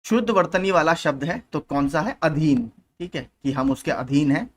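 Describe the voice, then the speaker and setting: A man's voice: a little high, moderate pace. A young man teaching as a channel host, patiently working through exam questions one by one and often repeating key points. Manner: patient, repeats points, frequent "theek hai" checks.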